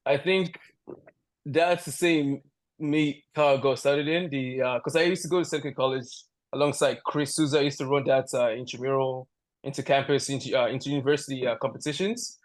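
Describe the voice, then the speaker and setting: A man's voice: medium pitch, steady tone, brisk. A man from Canada, a powerlifter guest on a podcast, chatting casually, joking and laughing often, rambling with restarts. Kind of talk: casual interview chat.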